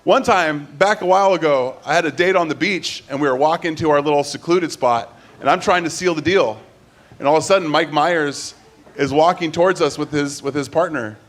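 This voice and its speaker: A man's voice: fairly high pitch, fairly quick. A man doing casual stand-up storytelling and hosting on stage, acting out bits of dialogue as he goes. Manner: casual, conversational, acts out dialogue. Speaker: comedy open mic host and comedian.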